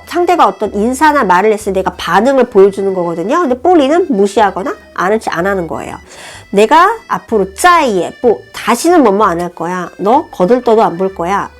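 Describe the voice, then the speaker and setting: Lively woman teaching a language. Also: mid-range voice. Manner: animated, friendly explaining. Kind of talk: language lesson, reading a novel aloud and explaining. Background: soft background music.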